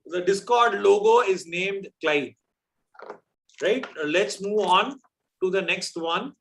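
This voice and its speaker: A man with a high voice and a South Indian accent works as a quiz host. He chats and teases as he goes, explaining things off the cuff. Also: slow pace, a bit bright, poor audio.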